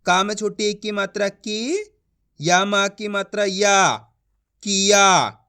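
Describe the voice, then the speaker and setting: A man teaching beginners to read Hindi in an online lesson, patiently repeating each point, sounding out syllables slowly and checking that viewers understand. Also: sits high, flat delivery, bright, forceful tone, smooth. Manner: addresses viewers as friends.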